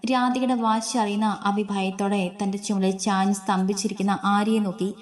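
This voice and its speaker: A woman narrates a story in a steady, even reading voice. Her pitch sits in an ordinary middle range, and she paces the descriptions evenly. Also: a little fast. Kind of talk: reading a serialized romance story aloud.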